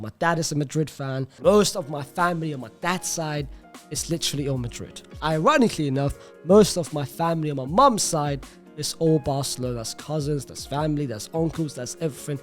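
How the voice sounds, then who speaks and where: Animated slangy man with a higher voice. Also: moderate pace, faint music behind. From Iraq. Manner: animated and slangy, often says "bro"; restarts and repeats words for emphasis. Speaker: YouTuber. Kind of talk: casual talk to camera.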